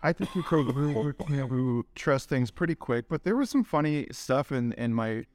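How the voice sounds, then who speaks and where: Looking back on his years in the cannabis business, a middle-aged interview guest tells loose, slang-heavy, profane stories in an easygoing stoner drawl. His mid-range voice is expressive and a little mellow at a normal speed, recorded with no room sound.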